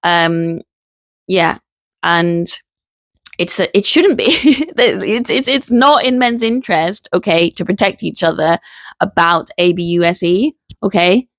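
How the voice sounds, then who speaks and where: A woman talking in a casual vlog, indignant and animated, spelling out sensitive words letter by letter and laughing in disbelief. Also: lowish voice, takes it slowly, no room sound, studio quality. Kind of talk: casual spoken vlog monologue.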